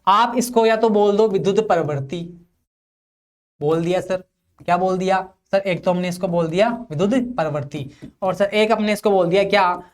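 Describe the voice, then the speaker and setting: A man from India teaching a physics class for an exam. He asks questions and answers them himself, keeps checking whether it is clear, and reads definitions out slowly. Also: high voice. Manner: reads English definitions slowly, explains in Hindi. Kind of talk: classroom lecture for exam prep.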